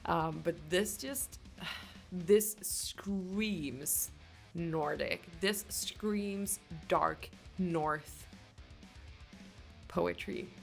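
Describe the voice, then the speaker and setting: Soft music plays behind a reaction video host, a Finnish woman whose first language is Swedish and who speaks with a Finland-Swedish accent. Her lowish, fry-tinged voice moves extremely slowly with long pauses, yet she gushes enthusiastically through her casual commentary.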